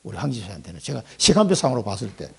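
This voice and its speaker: A middle-aged male pastor preaching a sermon, acting out prayers and replies in lively quoted voices. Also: medium pitch, racing, vocal fry, husky. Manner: animated, acts out prayers and God's replies in quoted voices, chuckles.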